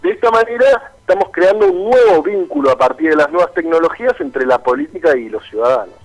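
A Buenos Aires man running for office speaks fast in an animated, highish voice during a phone-in radio interview, making his case in a persuasive, well-spoken way. The recording is rough, with faint music behind him, and his accent is Rioplatense Argentine.

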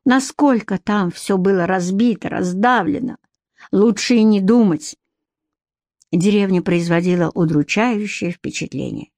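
A woman narrating an audiobook in a steady, expressive storytelling manner, recorded close to the mic. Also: medium pitch, measured pace, dry recording. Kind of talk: scripted narration.

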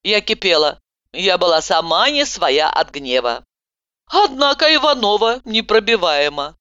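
Female audiobook reader, lively first-person telling, dull dry recording. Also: mid-range voice, measured pace, smooth, no room sound. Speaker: audiobook narrator.

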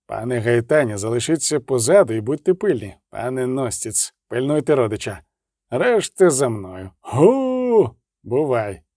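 A man's voice: mid-range voice, sing-song, a little slow, mellow, no room sound, clean studio sound, pitched below the performer's own voice. A man voicing a curt, commanding knight-mercenary leader who gives clipped, irritable orders.

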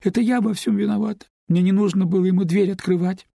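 A man's voice: high voice, steady tone, fast, creaky, mellow, no room sound, clean studio sound, voice pushed up. A man reading an audiobook, voicing a distraught, tearful teenage neighbor girl who pleads and apologizes in a rush. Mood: pleading, upset.

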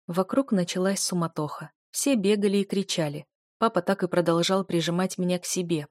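A woman's voice: lowish voice, a little mellow, no echo, clean studio sound. A woman narrating a fantasy novel aloud, with a dramatic and emotional delivery. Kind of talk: audiobook narration.

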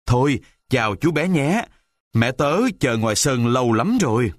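A man's voice: mid-range voice, animated, moderate pace, no echo, clean studio sound, close to an everyday voice. A man voicing a small cheerful chick in a storybook reading, in a light chirpy way.

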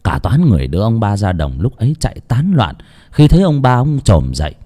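A man narrating a dramatic audiobook with expressive storytelling. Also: lowish voice, fairly quick.

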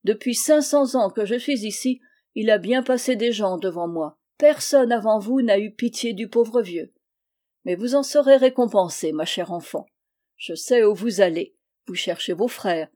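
Une femme qui prête sa voix à un minuscule vieillard barbu, enchanté depuis des siècles, bienveillant et insistant, dans un conte lu à voix haute. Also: female voice, mid-range voice, dark tone, close to an everyday voice. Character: tiny very old bearded man, enchanted, kindly.

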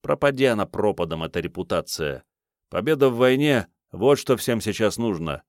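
Brief: narrator as a young male warrior, curt and dismissive, low dry voice. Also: lively intonation, moderate pace, dry recording. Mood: blunt dismissive. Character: young male fighter, blunt and grumbling.

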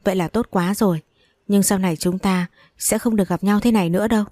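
A woman voicing a sorrowful temple abbot who speaks softly, heavy with sadness. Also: mid-range voice, steady tone, quick pace, no room sound, clean studio sound, close to an everyday voice.

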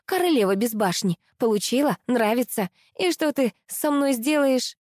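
A woman voicing a naive, whiny young blonde beauty contestant who squeaks and complains. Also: expressive, moderate pace, a little mellow, dry recording, studio quality. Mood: taunting. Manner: whining, squeaky.

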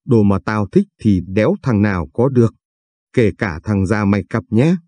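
A man's voice: fairly low pitch, moderate pace, warm tone, no echo, natural voice. A man reading the part of a brash young husband who swears and bullies. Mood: contemptuous. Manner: coarse, swearing and bullying.

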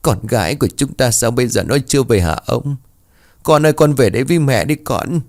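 A man's voice: mid-range voice, expressive, brisk, pitched above the performer's own voice, close to an everyday voice. A man voicing a distraught middle-aged mother who pleads and wails for her missing daughter, in a storybook reading. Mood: grieving. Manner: wailing, insistent pleading.

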